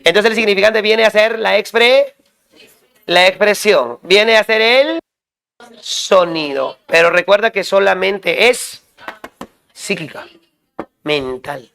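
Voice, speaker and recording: A male teacher drilling students with quick questions and repeated call-and-response prompts. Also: high-pitched, vocal fry, bright, forceful tone. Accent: Peruvian Spanish. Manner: quizzing, repetitive call-and-response.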